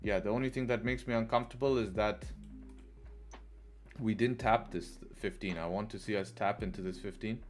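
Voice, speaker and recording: In casual live-stream chat, an English trading host with a voice on the low side speaks at a normal pace in a steady tone. He's chatty, repeats phrases, and answers chat questions while faint music plays behind him.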